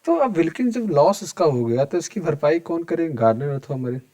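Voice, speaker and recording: A man's voice: on the high side, expressive, normal speed, mellow. Hindi-speaking man teaching accounting exam prep. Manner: conversational, addresses students directly and asks them questions; repeats key points, answers his own questions.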